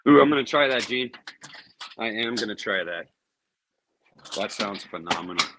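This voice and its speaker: A man with a low voice and a bright, forceful tone talks his way through a cookout. He chats casually and thinks aloud as he grills for his own cooking vlog. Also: animated, normal speed, slight background noise. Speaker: cooking show host.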